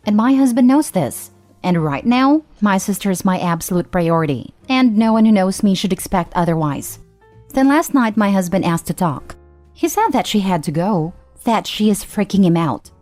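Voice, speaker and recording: A woman giving a steady, even scripted narration of a forum post. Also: mid-range voice. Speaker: story narrator.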